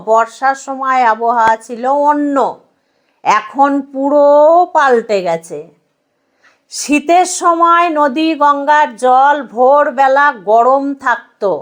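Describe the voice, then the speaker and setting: A woman preaching a devotional sermon in a fairly high voice. She talks slowly and with emphasis, stacking up repeated phrases. She turns to her listeners with rhetorical questions. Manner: repetitive emphatic preaching lists. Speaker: religious speaker.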